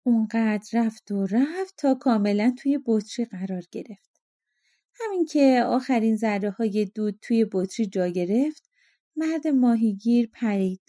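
A woman narrating an audiobook of folk tales, in calm, even storytelling. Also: on the high side, no room sound, studio quality.

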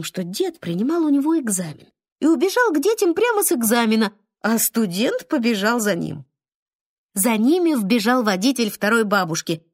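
A woman reading a children's story aloud, expressive and sometimes slow and drawn out. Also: on the high side, no room sound, studio quality. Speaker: reader.

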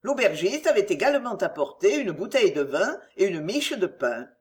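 Expressive audiobook narrator. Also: medium pitch, moderate pace. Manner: expressive literary reading. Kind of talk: scripted narration.

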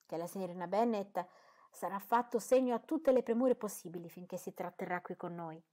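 A woman's voice: mid-range voice, fairly quick, dark tone, natural voice. A coldly polite young lady, as a woman narrator reads her out, correct and chilly in her courtesy. She is read in a restrained way in an audiobook. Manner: cold courtesy. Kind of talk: audiobook reading.

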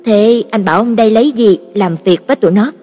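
A woman's voice: medium pitch, natural voice. A woman doing a crude, cursing male fighter. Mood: gruff. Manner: coarse, cursing, quick-tongued. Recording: reverberant, with soft background music.

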